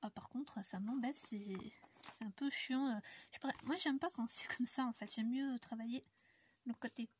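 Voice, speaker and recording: At normal speed and with a fairly high pitch, a woman from France chats casually while colouring for her YouTube viewers indoors in the mountains. She rambles, uses lots of fillers, and often slips into a near-whisper, with a little hiss or hum in the background.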